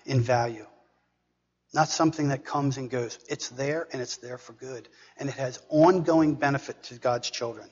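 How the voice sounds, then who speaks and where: Male pastor, husky, earnest sermon delivery, dull recording from a hall. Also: fairly high pitch. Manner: earnest, reading scripture aloud with pauses. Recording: dull recording with long reverb.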